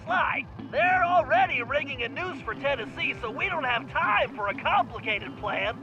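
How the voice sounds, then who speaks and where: A man's voice: very high-pitched, expressive, normal speed, sharp tone, muffled recording, heavily acted. An actor playing a nerdy, eager male turtle planner in a game cutscene, briefing and making puns. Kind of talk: video game cutscene acting. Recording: game music underneath.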